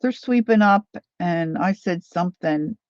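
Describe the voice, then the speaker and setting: Her pitch is fairly low, her delivery unhurried and a little mellow, with no echo in the room. She's a woman in her sixties from Philadelphia, going off on tangents while reading out comments on her casual craft livestream, all captured in dull lo-fi audio.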